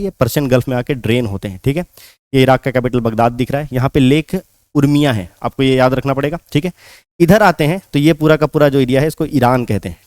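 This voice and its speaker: A man's voice: fairly high pitch, a little mellow, no room sound. Dry-voiced man teaching map geography. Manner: repetitive, keeps asking if students follow. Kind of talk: exam-prep map lesson.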